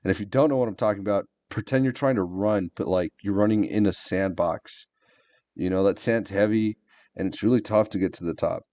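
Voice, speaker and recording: Low-voiced man rambling on a podcast. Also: brisk, darkish tone, no echo. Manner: rambling, filler-heavy storytelling. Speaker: podcast co-host. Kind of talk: casual podcast chat. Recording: dull lo-fi sound.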